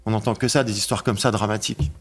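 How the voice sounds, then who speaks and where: A man's voice: fairly low pitch, steady tone, breathy edge. Shaken man telling a frightening story. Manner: halting, repeats himself, shouts when reliving moments. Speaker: interviewee recounting a break-in. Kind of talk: emotional testimony.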